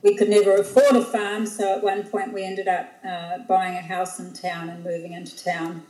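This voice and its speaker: A woman's voice: mid-range voice, little pitch movement, normal speed, warm tone, slight background noise. A woman with a New Zealand accent, a guest in a casual interview, speaking plainly and matter-of-factly. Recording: echoey room.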